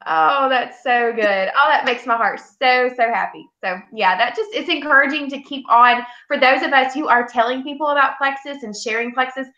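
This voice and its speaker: A woman host with a bright, somewhat high voice gushes over her guest's story, effusive and encouraging. The sound is echoey and a little muffled, as if in a bare room. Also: moderate pace, few pauses. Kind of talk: casual interview chat.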